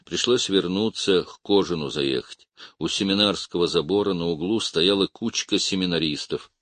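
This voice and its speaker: A man reading a story aloud in a slow, expressive manner. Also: deep voice, no room sound. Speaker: narrator. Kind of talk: audiobook reading.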